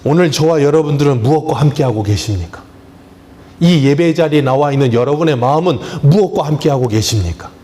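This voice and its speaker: A middle-aged male pastor preaching with a fairly high voice. He keeps turning to the congregation with questions, rising and falling as he drives each point home. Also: brisk, dark tone. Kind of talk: sermon.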